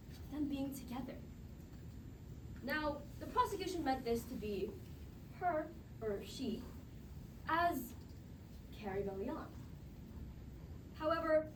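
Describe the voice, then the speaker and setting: High-pitched woman, passionate closing argument, echoey room. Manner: passionate, emphatic, rhetorical questioning with dramatic pauses. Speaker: defense counsel giving a closing statement. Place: echoey indoor room, recorded from a distance. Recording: distant mic, echoey room, clear background noise.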